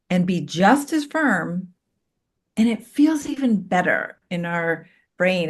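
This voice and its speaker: A middle-aged woman, a co-parenting coach, explaining her ideas calmly as a podcast guest and walking through everyday examples. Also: fairly low pitch, gravelly. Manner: calm, gently explanatory, gives worked examples.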